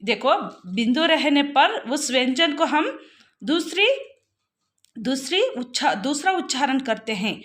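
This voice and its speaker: A woman's voice: sits high, expressive, slow pace, fairly bright tone. A woman teaching an online primary-school language lesson, patiently spelling out words letter by letter for young children.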